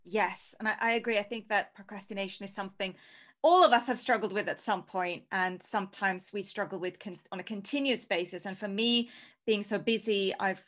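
A woman's voice: medium pitch, brisk, a bit bright. A woman in her thirties from Norway talks as a guest on a video-call interview through a headset microphone. She speaks earnestly about her work, with light laughs between her thoughts. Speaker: guest, singer-songwriter and coach.

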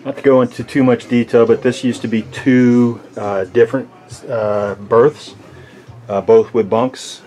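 A man giving a casual walkthrough of his sailboat from behind the camera, relaxed and halting with lots of fillers. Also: medium pitch, soft background music. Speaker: boat owner giving a tour. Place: inside a sailboat cabin. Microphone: handheld camera mic, speaker off camera.

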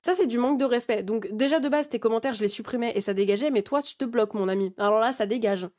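Animated young woman streamer ranting. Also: a little high, quick pace. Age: 20s. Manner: heated, swears freely, many restarts. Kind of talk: casual rant to chat.

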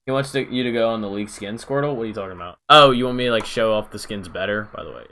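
A man's voice: on the low side, very fast, sharp tone. Young guy streaming, rambly and chill, lots of um and bro, talking to chat. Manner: rambling, reads chat aloud, frequent fillers and "bro". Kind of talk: casual live-stream chat.

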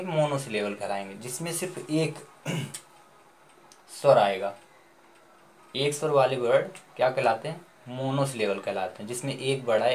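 A man's voice: mid-range voice, a little hiss or hum. A man teaching a grammar lesson, asking questions and answering them himself, spelling words letter by letter.

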